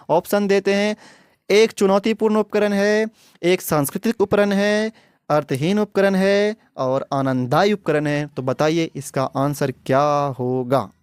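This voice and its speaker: A man's voice: on the high side, darkish tone, no room sound, studio quality. A man teaching an exam prep lesson online. He explains step by step, repeats key terms and often stops to check with the class. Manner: repetitive, explanatory, often checks with "theek hai".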